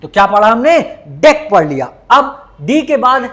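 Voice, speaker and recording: A man teaches at an unhurried, deliberate pace. He repeats each sound and spelling several times and keeps asking his class to answer back. His tone stays patient and methodical throughout. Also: very high-pitched, big pitch swings, fairly bright tone. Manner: slow, repetitive drilling with frequent questions to students. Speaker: shorthand teacher. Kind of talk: classroom lesson.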